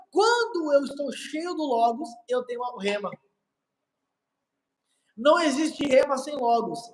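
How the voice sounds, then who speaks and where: A man's voice: very high voice, low-quality recording. A man with a Brazilian accent, a pastor preaching on a live stream in an emphatic, repetitive way.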